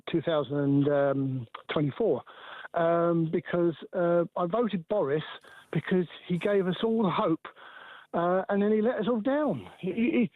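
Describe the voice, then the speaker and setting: A man's voice: on the high side, no room sound, narrow, tinny audio. A man in his sixties from England, calling in to a phone-in show and talking hesitantly with many ums and restarts. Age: 60s. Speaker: caller. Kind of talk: phone-in call.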